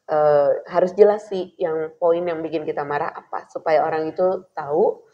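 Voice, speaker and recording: A middle-aged woman, a former radio announcer chatting as a guest, animated and quick to laugh. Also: low-pitched, lo-fi sound. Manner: lively, animated, laughs often, acts out voices. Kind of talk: casual chat with radio-announcer flair.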